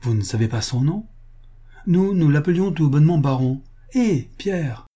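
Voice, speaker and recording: A sleepy young servant girl in a storybook reading, wary and guarded, read by a man. Her short replies come in a husky, dark voice. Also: a little high, expressive, moderate pace, pitched above the performer's own voice.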